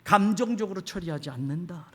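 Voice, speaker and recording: High, bright-voiced pastor preaching in a reverberant hall. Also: male voice, lively intonation, brisk. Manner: conversational preaching that swings from hushed asides to rising, emphatic appeals. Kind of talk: sermon. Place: church sanctuary.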